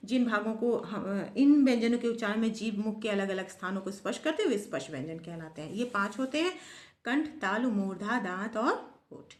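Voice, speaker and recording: Teacher quizzing and answering herself. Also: female voice, mid-range voice, expressive, normal speed. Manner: asks a question, then answers it herself. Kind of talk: grammar lesson to pupils. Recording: echoey room.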